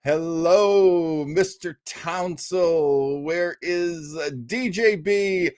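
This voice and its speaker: A middle-aged man hosts a live old-time radio listening show, joking around casually and playfully with his viewers. His fairly high voice draws words out and sounds a little mellow, captured cleanly in a studio with no echo.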